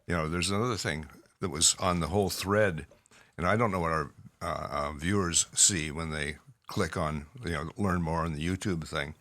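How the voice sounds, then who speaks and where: A man with a Canadian accent co-hosting a podcast in casual chat, pausing often on fillers as he talks. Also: deep voice, fairly bright tone. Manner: halting, with many fillers. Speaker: podcast co-host, clinician.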